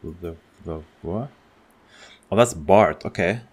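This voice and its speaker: A man with a notably low-pitched voice talks through a video game in a casual let's-play style. He is excitable and chatty, thinking out loud as he explores. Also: slow pace. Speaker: gaming channel host.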